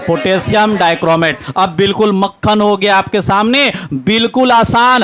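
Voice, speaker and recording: Man, bihari hindi accent, high voice, chemistry teacher, call-and-response lecturing. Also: clear, resonant tone. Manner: keeps asking questions and answering them himself, calls students "beta"; grows louder and excited, cheering students on.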